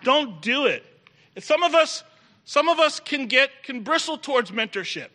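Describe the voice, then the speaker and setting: A man's voice: extremely high pitch, very animated, normal speed, bright, forceful tone. A middle-aged man preaching a sermon to a live congregation, emphatic and repeating key phrases for effect.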